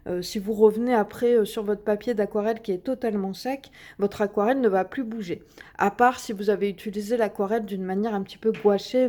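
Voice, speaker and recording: A woman's voice: a little high, dark tone. A woman casually demonstrating craft supplies, chatting with many fillers and little sounds as she works. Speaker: craft video host.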